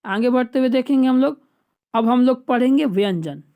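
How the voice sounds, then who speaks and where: A woman with a fairly high voice teaches an exam-prep class. She explains each point patiently and step by step. She keeps checking in with the class and turns key terms into questions before answering them herself. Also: moderate pace, warm tone.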